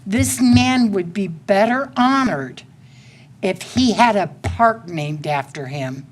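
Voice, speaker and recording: Speaking into a podium microphone during public comment at a city council meeting, a woman in her sixties with a Central Texas accent pleads plainly. Her mid-range voice is expressive and slow.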